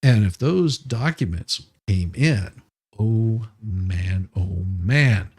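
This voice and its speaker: Speaking extremely slowly, this man has a low-leaning, husky voice with a darkish tone, yet he stays animated. A livestream host doing dramatic readings of legal filings, he reads documents aloud and adds blunt, sarcastic, exasperated remarks that are often profane.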